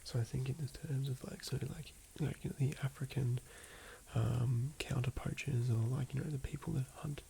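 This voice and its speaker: An Australian man murmurs in a hushed ASMR whisper, rambling and thinking aloud. His voice has a mid-range pitch and a gravelly texture. A clear layer of ambient noise sits behind him. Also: steady tone, moderate pace. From southern Australia. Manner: soft whisper, musing and rambling. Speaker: ASMR creator building a game character. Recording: noisy ambient background.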